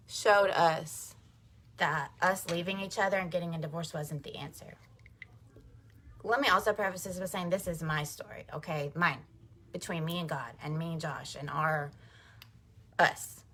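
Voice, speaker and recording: A woman's voice: mid-range voice, fairly bright tone. A woman vlogger telling her viewers a personal faith story, chatty and emphatic, speaking straight to them. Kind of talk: casual faith testimony storytelling.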